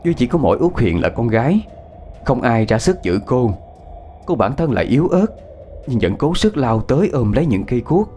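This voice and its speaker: Expressive male ghost-story narrator. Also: medium pitch, normal speed. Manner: dramatic, expressive reading. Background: soft background music.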